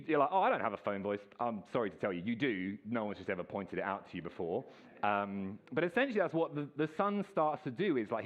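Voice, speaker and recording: A man, preaching a sermon in a relaxed, storytelling way. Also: mid-range voice, lo-fi sound. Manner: casual, self-deprecating, lively storytelling. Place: church hall.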